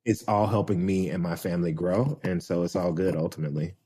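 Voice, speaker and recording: A man with a low voice talks as a podcast guest. He speaks reflectively and hesitantly, often pausing with fillers as he gathers his thoughts. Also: mellow, breathy edge. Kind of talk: reflective conversation.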